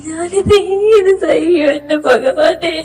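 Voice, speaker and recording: A woman's voice: very high voice, slow pace, a little mellow, distant mic, soft background music. A woman voicing a mother wailing and crying out over her son in a fan audio drama.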